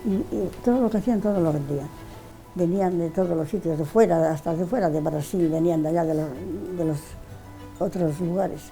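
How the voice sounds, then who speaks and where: With a lowish, mellow voice and a fairly quick pace, the artist's widow rambles through old memories in a relaxed interview, repeating herself and starting over. Soft music plays behind her, and the recording is rough.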